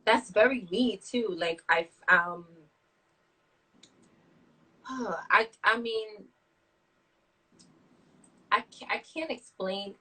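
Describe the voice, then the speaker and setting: A woman from Brooklyn talks casually as a guest artist, pausing and restarting as she thinks aloud. Her voice is bright and a little husky. She sits back from the phone mic, so the live video call audio sounds distant. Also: medium pitch. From Brooklyn, New York. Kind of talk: casual interview over a live stream.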